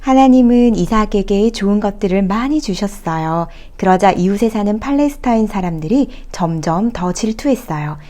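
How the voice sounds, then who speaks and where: A female storyteller reads children's Bible stories in a gentle way, her voice mellow, soft, and medium in pitch. She explains things as if speaking to little ones.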